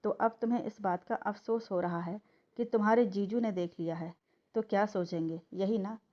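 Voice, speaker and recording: A man's voice: high voice, fairly even intonation, moderate pace, lightly acted. A woman voicing a stubborn, hot-headed young husband who speaks curtly and confrontationally, in a slightly dull recording. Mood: bitter. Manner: curt, confrontational.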